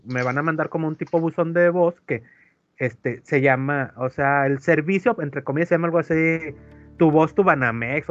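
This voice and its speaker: Man, Mexican accent, casual rambling anecdote, slightly high voice, dull lo-fi sound, faint music. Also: dry recording. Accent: Mexican Spanish. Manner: rambling storyteller, acts out quoted voices, many fillers. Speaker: podcast co-host. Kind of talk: casual chat, telling an anecdote.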